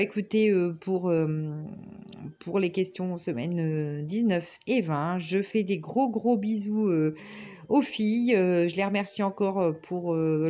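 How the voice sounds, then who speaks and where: A woman with a northern French Ch'ti accent, talking to her viewers in a loose, meandering way, stopping and restarting often. A heavy cold leaves her voice blocked-up, nasal and a little hollow, and her throat is sore. Her voice sits fairly low for a woman. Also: warm tone. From northern France. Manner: hesitant, rambling with many fillers. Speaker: crafting vlogger. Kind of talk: casual chat to viewers.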